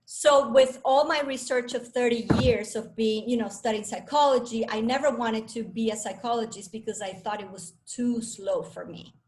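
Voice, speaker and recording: A woman's voice: fairly high pitch, moderate pace, hardly any pauses, darkish tone, a little hiss or hum. A woman in her fifties from Venezuela, a coach giving a chatty, self-assured talk to a live audience. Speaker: speaker and coach.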